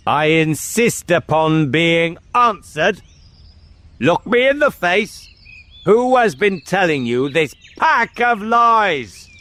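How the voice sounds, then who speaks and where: A man's voice: very high voice, huge pitch swings, normal speed, hardly any pauses, voice pushed up, heavily acted. A man voicing a stern, short-tempered king and uncle in a storybook, imperious and scolding. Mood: thunderous, angry. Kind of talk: dramatic storybook character reading.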